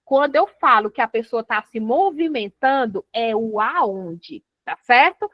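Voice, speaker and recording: A woman's voice: a little high, animated, unhurried, no room sound. A woman teaches a grammar revision lesson in a chatty, informal way. She keeps checking in with her listeners as she explains. The sound is dry and a little dull. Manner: chatty, repeats "tá certo?" and "né?" often.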